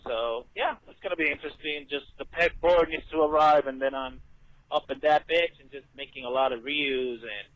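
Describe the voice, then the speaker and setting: A man's voice: fairly high pitch, moderate pace, dry recording, muffled recording. A tired man leaving a casual voice message from a moving car, played back through a speaker, swearing freely. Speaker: listener calling in with a voice message.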